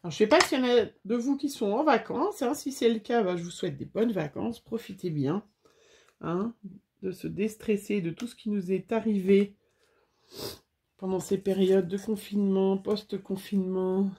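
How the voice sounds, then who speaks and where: A woman's voice: mid-range voice, normal speed, darkish tone. A woman chatting casually to viewers while making a scrapbooking craft, with frequent fillers.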